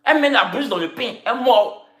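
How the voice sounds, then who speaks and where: A woman's voice: on the high side, expressive, fairly quick, a little hiss or hum. Woman, casual live-stream host, playful and teasing, repeats her lines, roomy echo. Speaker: social media personality.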